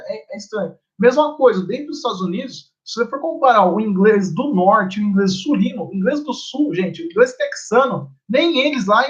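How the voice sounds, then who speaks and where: A man's voice: high-pitched, highs cut off. A Brazilian man with a Brazilian Portuguese accent hosting a live stream, talking in a rambling, informal way and swearing casually.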